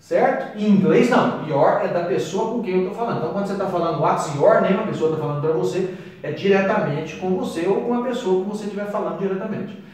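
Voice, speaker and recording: A Brazilian man teaching English, explaining phrases at a board and slowing right down on each English example. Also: high voice, darkish tone. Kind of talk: explaining at a whiteboard. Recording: echoey room, voice from a distance.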